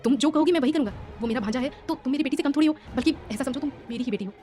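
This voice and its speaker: An older man in a story, soft-hearted and eager to please his daughter, as a woman narrator puts him on. He rushes through his promises at a very fast pace over background music. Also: on the high side, lightly acted. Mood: doting. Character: older doting father figure, man.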